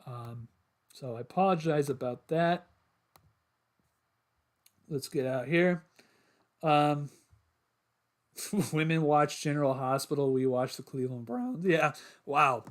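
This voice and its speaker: A young man hosting a casual solo sports podcast, rambling with lots of fillers, his voice getting hoarse after talking a long time. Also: a little high, slow, long pauses. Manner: rambling, filler-heavy, restarts often.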